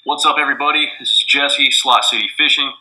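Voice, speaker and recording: Vlogger intro: man, rapid and upbeat, heavily compressed, very bright and crisp. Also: mid-range voice, steady tone, rough recording. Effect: heavily compressed voice, played back after editing. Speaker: fishing vlogger. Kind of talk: quick vlog intro greeting.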